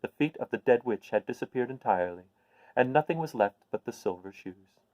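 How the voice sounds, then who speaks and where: A man reading a children's story aloud as an expressive narrator. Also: medium pitch, fairly quick, no room sound, dull audio.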